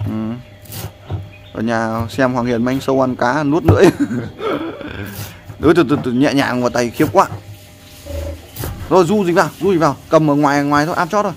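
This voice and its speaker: A man's voice: mid-range voice, a little fast, long pauses. A man, a vlogger who talks in a rambling way to his viewers and coaches a friend as they cook outdoors. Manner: rambling, repeats "there" often, coaching someone. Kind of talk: casual vlog narration and instructions.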